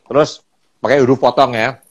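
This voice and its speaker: Older man, casual storyteller, lively, dry close sound. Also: medium pitch, moderate pace, no echo, muffled recording. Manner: animated storyteller, laughs often, acts out quoted voices. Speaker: photographer and guest.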